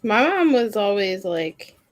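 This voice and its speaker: A woman's voice: mid-range voice, big pitch swings, slow, no room sound. A woman co-hosting a casual mom podcast, rambling and filling her talk with "like". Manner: rambling, heavy use of "like". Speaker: podcast co-host. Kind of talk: casual chat.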